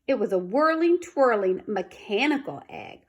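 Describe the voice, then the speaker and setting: A woman reading a children's storybook aloud in an expressive, dramatic manner. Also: fairly high pitch, moderate pace. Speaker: storybook reader.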